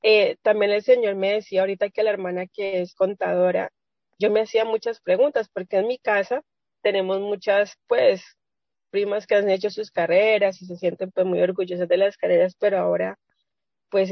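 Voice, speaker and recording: A woman's voice: medium pitch, steady tone, moderate pace, no room sound. A woman sharing an earnest, rambling faith testimony with women of her church on a video call, with many restarts. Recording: dull lo-fi video call audio.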